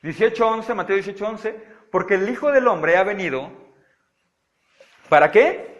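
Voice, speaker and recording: Man, Bible study teacher, animated, high-pitched, asks listeners questions. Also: moderate pace, lo-fi sound. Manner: animated, asks the audience frequent checking questions. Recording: audio-only recording of a live talk.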